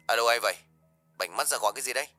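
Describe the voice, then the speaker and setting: A man voicing a selfish, grieving eldest son who shouts and accuses. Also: medium pitch, rapid-fire, faint music behind, lightly acted. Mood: irritated.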